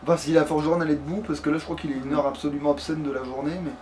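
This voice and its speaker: Doing casual let's play commentary, a man rambles and grumbles in crude, swear-heavy slang. His slightly high, darkish voice races along at a steady tone, sounding far from the mic amid slight background noise.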